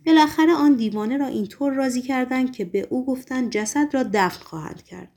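A woman's voice: sits high, a little mellow. A woman reading a composed, shrewd spy chief. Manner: deferential, reassuring, composed. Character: calm, shrewd secret-police chief, middle-aged man. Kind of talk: audiobook reading.

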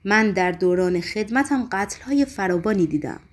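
A woman's voice: medium pitch, lively intonation, lightly acted. A woman reading a composed, shrewd spy chief. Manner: deferential, reassuring, composed. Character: calm, shrewd secret-police chief, middle-aged man. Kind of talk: audiobook reading.

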